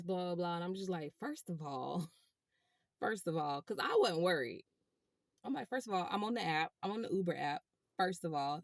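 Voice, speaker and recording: A woman's voice: on the low side, dry recording, studio quality. Chatty woman telling a story. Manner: animated, chatty, addresses viewers as y'all. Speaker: rideshare driver vlogger. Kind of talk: casual storytelling to viewers.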